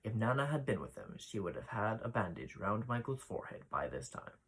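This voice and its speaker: Husky man reading a storybook aloud. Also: on the low side, a little fast, rough recording. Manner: expressive reading, voices the children's dialogue with lifts. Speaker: ballet dancer reading a children's book aloud.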